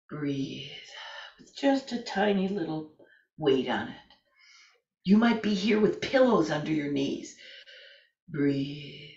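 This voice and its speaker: A woman in her late sixties, a fitness and yoga instructor, gently talking a class through exercises from the floor at home, chatty and self-deprecating. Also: mid-range voice. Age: 60s. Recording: roomy, distant, slightly dull home video.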